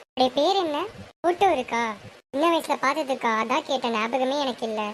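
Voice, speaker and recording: A woman's voice: high voice, a little fast, slight background noise, lightly acted. A woman playing a curious eager younger sister.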